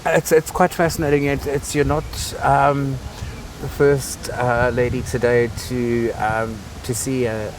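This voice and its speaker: Man, interview host, affectionate, lots of ums, mid pitch, faint background hiss. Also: flat delivery, unhurried, far from the mic. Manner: affectionate, hesitant with many ums. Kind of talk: casual interview.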